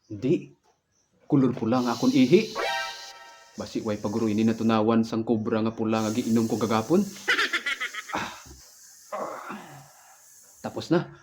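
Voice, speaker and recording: A man hams up an improvised comic radio drama, narrating each of his own actions aloud one after another in an exaggerated way. His voice is lowish and moderately paced with long pauses, and music plays behind him on a noisy amateur recording with clicks.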